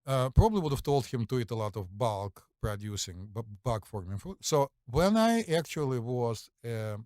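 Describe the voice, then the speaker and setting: A man's voice: medium pitch, sing-song, moderate pace, a little mellow, no echo, studio quality. A middle-aged man with a Russian accent, a physician co-hosting a podcast, telling stories confidently with many fillers and a repeated "right?". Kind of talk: casual storytelling chat.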